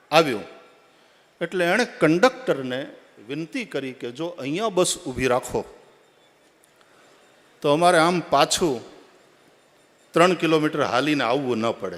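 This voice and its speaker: A man giving a devotional address at a religious gathering, telling a parable and rising to loud, emphatic appeals. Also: fairly high pitch. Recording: long hall reverb.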